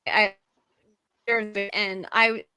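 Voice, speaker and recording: A woman's voice: medium pitch, fairly even intonation, sharp tone, clear, resonant tone, no echo, clean studio sound. A woman speaking over a video call whose audio keeps breaking up, her words chopped off mid-sentence. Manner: halting, broken-off words. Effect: choppy video-call audio cutting out mid-sentence.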